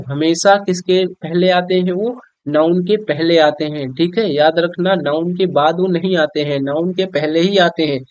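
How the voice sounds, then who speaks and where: A man's voice: high voice, darkish tone, smooth, no room sound. A man with a Hindi accent teaching a grammar lesson to school students, often asking "okay?" as he explains. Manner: addresses students as children, frequent "theek hai" check-ins. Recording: dull, dry lo-fi recording.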